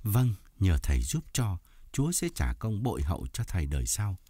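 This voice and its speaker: A stammering, defensive middle-aged husband from an audiobook, fumbling for excuses, as a man reads him. His dark, husky voice rises and falls widely. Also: sits low, big pitch swings, normal speed, no echo, exaggerated voice. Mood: reluctant. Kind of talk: audiobook reading.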